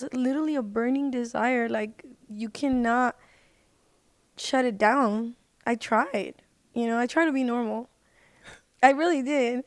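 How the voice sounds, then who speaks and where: An independent singer appears as a podcast guest, casually telling personal stories in an interview. She speaks informally and with slang, repeating words for emphasis. Her fairly high voice is clear and resonant, with no echo.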